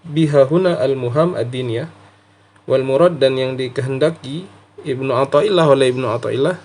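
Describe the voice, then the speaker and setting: An Indonesian-accented man teaching a text lesson, reading out Arabic and translating it piece by piece with deliberate, over-enunciated words. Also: medium pitch, a little mellow.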